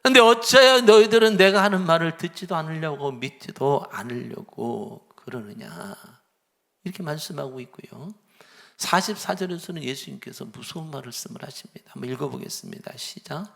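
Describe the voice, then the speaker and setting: A man's voice: fairly high pitch, moderate pace, gravelly, a bit bright. A man preaching a sermon as pastor, asking the congregation questions and acting out pleading voices. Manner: acts out pleading and scolding voices within the sermon.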